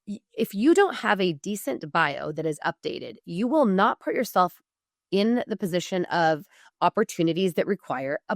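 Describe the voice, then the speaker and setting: She has a mid-range voice, captured at studio quality with no echo. An American woman from Oregon, she's a podcast guest explaining business advice in a chatty interview that doubles as informal coaching, interrupting herself and tossing in emphatic asides.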